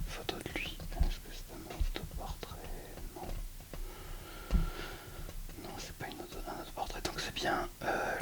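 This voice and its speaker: A person whispering a book presentation for ASMR, speaking in a hesitant, self-deprecating way into a close mic. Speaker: ASMR video creator.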